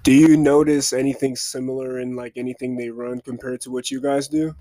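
Male interviewer, mid pitch, mellow tone, direct questions. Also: little pitch movement, fairly quick.

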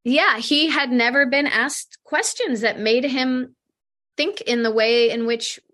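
A middle-aged woman talks in an interview with a bright, forceful tone. She tells stories with lively energy and acts out what others said. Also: sits high, takes it slowly. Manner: animated, acts out quoted dialogue. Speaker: matchmaking company head. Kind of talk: interview storytelling.

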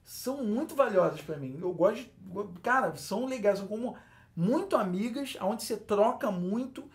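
A man's voice: sits high, expressive, normal speed. A man with a Brazilian Portuguese accent, a guest in a casual podcast chat who acts out quoted lines.

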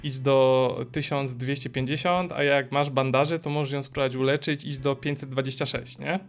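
A man's voice: medium pitch, normal speed, faint music behind. A man co-hosting a podcast in casual chat, telling stories animatedly and swearing freely. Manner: animated storyteller, swears freely, many fillers. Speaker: podcast co-host.

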